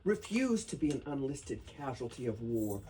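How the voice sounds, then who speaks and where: A man giving a solemn poetry reading at a memorial, with deliberate, emphatic phrasing. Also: mid-range voice, big pitch swings, a little mellow. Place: bookstore reading event before a small audience. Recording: noisy live room recording.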